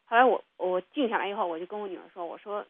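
A woman's voice: medium pitch, racing. Woman, radio guest, earnest storytelling, tinny phone-like sound. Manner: earnest storytelling, acting out her children's voices. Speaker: interview guest. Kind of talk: personal testimony on a radio program.

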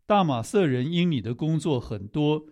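A man reading scripture aloud in a steady, measured way. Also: fairly high pitch, lo-fi sound. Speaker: scripture reader.

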